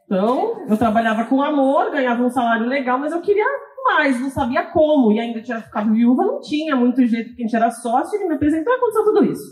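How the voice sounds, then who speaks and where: Lively São woman guest who acts out her own quotes, high-voiced, in a roomy studio. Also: fast talker, few pauses. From Brazil, São Paulo. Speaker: guest, course creator. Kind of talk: podcast interview storytelling.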